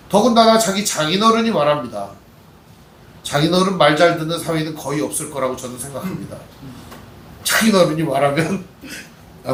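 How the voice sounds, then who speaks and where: High-voiced pastor preaching in an echoey hall. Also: male voice, fairly bright tone, distant mic, a little hiss or hum. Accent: Chungcheong. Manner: conversational preaching with rhetorical questions. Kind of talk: expository sermon.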